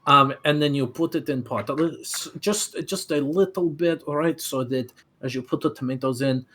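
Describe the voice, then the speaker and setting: Bright, playful man playing a tabletop game. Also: fairly high pitch, moderate pace. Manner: playful, rambling and silly. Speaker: player. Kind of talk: playful tabletop role-play.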